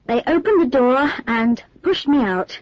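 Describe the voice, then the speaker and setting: An effusive flight storyteller. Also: female voice, high-pitched, expressive, a little slow, dry recording. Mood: delighted. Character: adult woman recalling her first flights with delight. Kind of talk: scripted listening exercise monologue. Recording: dry muffled studio recording.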